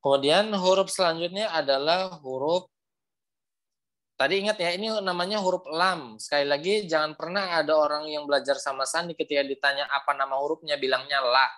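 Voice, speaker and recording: A man's voice: fairly high pitch, fairly bright tone. Patient young man teaching over a video call. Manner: patient, repeats points, models sounds slowly. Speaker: Quran recitation teacher. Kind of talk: online class teaching.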